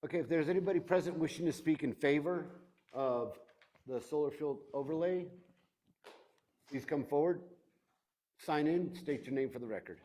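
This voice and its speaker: A man's voice: on the high side, normal speed, long pauses, dark tone, rough recording. Man chairing a formal public hearing. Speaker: commission chairman.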